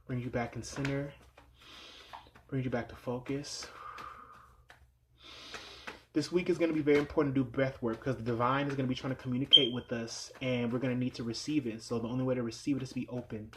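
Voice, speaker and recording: A man giving a weekly tarot reading in a meditative way, repeating phrases and sometimes dropping to a low, quiet voice. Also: steady tone, fast talker, long pauses, a little hiss or hum. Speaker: tarot reader.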